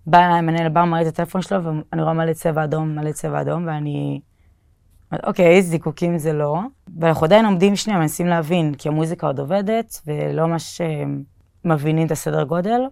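A woman's voice: low-pitched, fairly even intonation, vocal fry, a little mellow, smooth, dry recording, clean studio sound. A young woman telling her own story in a casual, spoken way, with fillers and restarts, acting out the lines she and others said. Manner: plain storytelling with many fillers and restarts, quoting herself and others. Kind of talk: casual spoken personal account.

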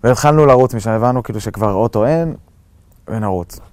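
A young man from Israel giving a halting personal testimony of surviving an attack, with many fillers and restarts. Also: mid-range voice, a little mellow, no echo. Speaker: eyewitness recounting an attack.

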